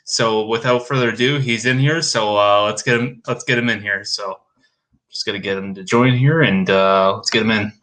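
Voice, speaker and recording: Guy hosting a live stream, bright voice, easygoing, lots of "yeah" and "okay". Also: on the low side, fairly even intonation, moderate pace, low-quality recording. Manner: easygoing, short affirmations. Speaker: podcast host. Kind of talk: casual live-stream interview.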